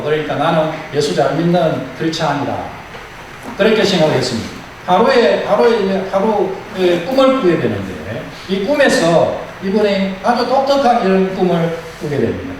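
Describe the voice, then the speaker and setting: A male pastor giving a sermon, emphatic and repeating key phrases, telling stories with animation. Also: fairly high pitch. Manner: animated storyteller. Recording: very echoey hall, far-off mic, faint noise.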